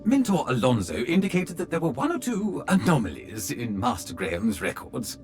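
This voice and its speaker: A man's voice: mid-range voice, wildly swooping pitch, normal speed, soft background music. An actor voicing a polite, fawning male butler robot who speaks formally and calls everyone sir, in a video game. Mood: deferential. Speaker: butler droid.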